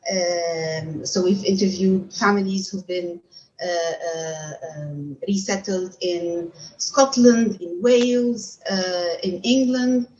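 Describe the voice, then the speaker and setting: An Egyptian woman in her thirties, a native Arabic speaker and university researcher, gives a remote talk to an audience over a video call from an armchair at home. Her fairly low, slow, slightly mellow voice is hesitant, with frequent fillers and restarts. The webcam audio is slightly dull and lo-fi, with a little hiss or hum.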